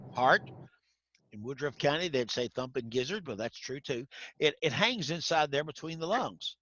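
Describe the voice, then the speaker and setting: A man's voice: fairly high pitch, lively intonation, normal speed, sharp tone, highs cut off, slight background noise. A man teaching an online class, folksy, quizzing students by name. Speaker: instructor.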